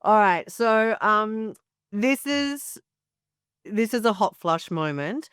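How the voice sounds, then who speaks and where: A woman in her forties tells candid stories as a podcast guest, frank and animated. Her voice is smooth and clear. It is close and dry, with no room sound. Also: medium pitch, takes it slowly, no room sound. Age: 40s. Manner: animated storyteller, frank and swearing. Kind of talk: candid casual interview.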